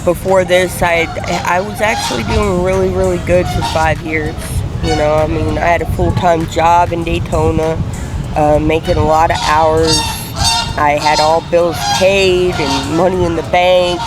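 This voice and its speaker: A woman in her forties from Florida, speaking frankly in a street interview with halting restarts. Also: on the low side, level tone, loud music behind the voice. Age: 40s. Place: outdoors on a city street.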